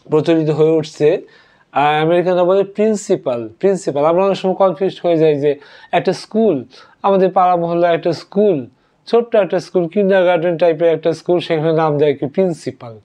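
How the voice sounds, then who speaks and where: A man teaching an English vocabulary lesson, spelling words out letter by letter and repeating them slowly. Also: high voice, dark tone. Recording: dull lo-fi audio.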